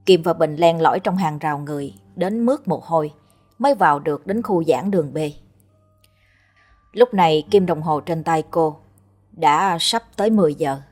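A woman narrating a horror story in a steady, dramatic storytelling manner. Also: low-pitched, moderate pace, soft background music.

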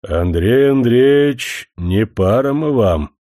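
A stern, weary old grandfather grumbles in gruff, old-fashioned village speech, as a man reads him in a story. The voice is mellow and dark and moves a lot. The recording is close and dry. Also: medium pitch, lively intonation, slow pace, dry recording.

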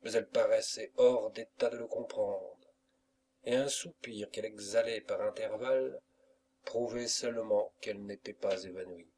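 A man narrating a classic novel as an audiobook reader, in a measured, unhurried way. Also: fairly low pitch, steady tone, darkish tone, slightly rough, far from the mic.

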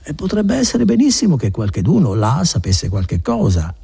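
Guarded young villager, raspy and dark, voiced by a male reader. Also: mid-range voice, huge pitch swings, normal speed, pitched above the performer's own voice, exaggerated voice. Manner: guarded, evasive.

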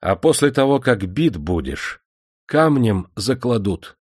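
A man's voice: medium pitch, animated, unhurried, darkish tone, pitched above the performer's own voice. A man voicing a cruel, stern male master who threatens chained prisoners with a harsh, commanding voice. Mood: menacing.

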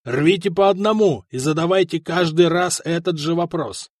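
A domineering, bearded male prefect with a booming voice that bends everyone to his will, read out by a male narrator. He commands in a raised, ringing tone, clipped and arrogant. The sound is dry and close. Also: moderate pace, no room sound, close to an everyday voice. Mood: furious. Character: imperious bearded male prefect, cruel and thunderous.

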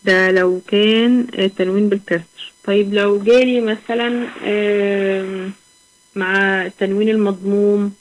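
A woman's voice: medium pitch, fairly even intonation, poor audio. Patient Egyptian woman teaching recitation. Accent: Egyptian Arabic. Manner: patient, asks questions then answers them, drawls example words slowly. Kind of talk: online tajweed lesson.

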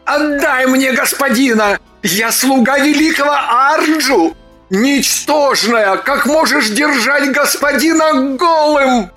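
A woman reading an audiobook plays a fussy, devoted manservant who shouts and fusses over his master. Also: on the high side, lively intonation, takes it slowly, music in the background, pitched above the performer's own voice. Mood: shouting. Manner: shouting, fussing. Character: loud, fussy male servant, devoted and excitable.

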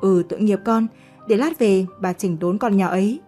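Woman doing old matriarch, scolding, exasperated, soft music behind. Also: medium pitch, moderate pace, lightly acted. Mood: soothing. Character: scolding older mother of the house.

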